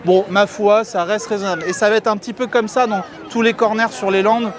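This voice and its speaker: A man's voice: high-pitched, steady tone, brisk. A middle-aged man chatting to viewers as his friends while walking through a theme park for his vlog, filmed on a handheld camera. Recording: outdoor crowd and faint music behind.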